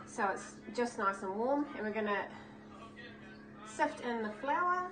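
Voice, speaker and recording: A woman's voice: on the high side, expressive, a little slow, a crowd in the background, rough recording. A woman, hosting a baking channel and talking through a recipe step by step in a chatty, upbeat way in her home kitchen. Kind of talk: casual cooking demonstration.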